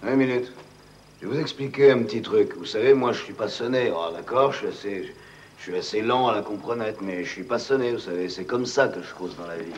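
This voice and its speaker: A man playing a slow-witted, slangy boxer. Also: lowish voice, close to an everyday voice. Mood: stubborn. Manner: plain-spoken, slangy, slow on the uptake. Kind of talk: dubbed film dialogue. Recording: muffled film soundtrack with faint hiss.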